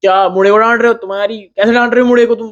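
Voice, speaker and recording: A young man voicing a brisk scolding aunt. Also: a little high, fairly even intonation, dull audio, pitched above the performer's own voice, natural voice. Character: worried aunt scolding on the boy's behalf.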